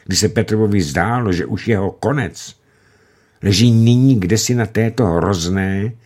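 A man narrating a novel in a measured, dramatic reading voice that slows for tense moments. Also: lowish voice, darkish tone. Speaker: audiobook narrator.

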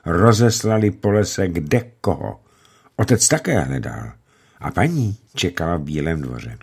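Husky low-voiced male storyteller. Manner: warm, storytelling address to children. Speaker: narrator. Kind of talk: storybook reading for children.

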